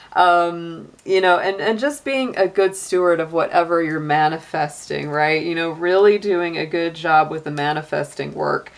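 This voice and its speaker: A middle-aged woman giving a casual tarot reading, chatty, with frequent laughs and many "you know" and "like" fillers. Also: fairly low pitch. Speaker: tarot reader.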